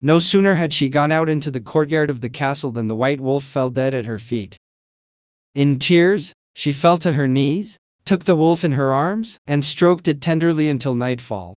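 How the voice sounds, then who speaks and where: A man narrating a fairy tale in a calm, measured storyteller's voice. His pitch sits a little high for a man. The sound is dry and close. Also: no room sound.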